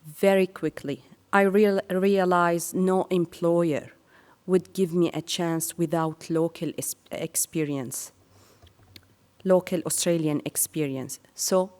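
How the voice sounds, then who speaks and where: A woman from Syria giving a prepared speech to an audience in measured, earnest phrases. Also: fairly low pitch, a little mellow, long reverb tail. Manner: slow and measured, with earnest pauses. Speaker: speaker sharing her career story.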